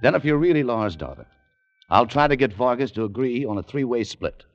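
A man's voice: medium pitch, expressive, a little fast, natural voice. An actor playing a laconic, wry American adventurer who narrates his own story in a 1940s radio drama. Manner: laconic, wry, hard-boiled. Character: American adventurer, dry and wary. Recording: lo-fi old radio broadcast with music bed.

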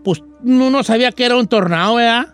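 A man's voice: extremely high pitch, fairly quick, fairly bright tone, clean tone, faint music behind. A man from Michoacán with a Mexican accent, telling a comic story in a campy, theatrical way and calling his listeners dear. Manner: theatrical, campy, calls listeners "hija" and "chiquita". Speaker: storyteller on a comedy show.

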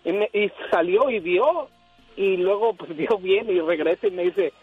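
A man tells his story on the radio in a fairly high, husky voice. The sound is dry and dull, like a lo-fi broadcast. He acts out the lines of the people in the story with energy. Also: unhurried, no room sound, soft background music. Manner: animated, acts out dialogue. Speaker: radio caller. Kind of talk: casual storytelling on air.

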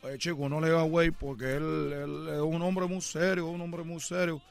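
A man voicing a boastful Cuban baseball player with a Cuban accent in a comedic radio bit, loud and rambling, repeating himself. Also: fairly high pitch, little pitch movement, normal speed, vocal fry, soft background music. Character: boastful Cuban ballplayer, adult man, brash joker.

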